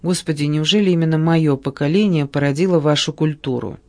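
A man reading aloud and voicing a tense, quick-tempered, ill mother in a storybook, sounding sharp and indignant. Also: a little high, no room sound, close to an everyday voice.

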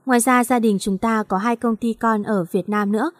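A woman's voice: a little high, steady tone, moderate pace, no echo, studio quality, natural voice. A doting rich mother, read by a woman narrator. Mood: fond. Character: caring wealthy older mother, doting.

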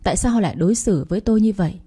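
A young woman from Thanh Hóa tells her own sorrowful story in the first person. Her reading is plaintive and emotional, with a mellow, dark-toned voice at an ordinary pitch. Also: lively intonation, rapid-fire, slightly rough. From Thanh Hóa, Vietnam. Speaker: narrator.

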